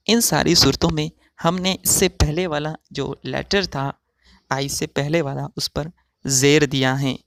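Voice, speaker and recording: A man teaching English pronunciation in a slow, methodical way, drawing out each example word. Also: on the high side, a bit bright, dry recording. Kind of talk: recorded pronunciation lesson.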